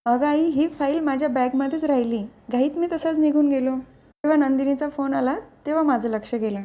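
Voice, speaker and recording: A woman's voice: high-pitched, brisk, warm tone, lightly acted. Earnest young husband in a serial recap read by a woman.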